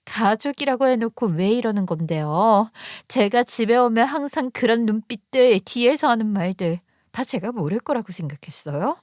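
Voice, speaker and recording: Woman acting out a defiant young daughter, bitter, accusing, higher-pitched, softer-spoken, dry close storybook read. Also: expressive, normal speed, hardly any pauses, no room sound, natural voice. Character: defiant young woman confronting her mother.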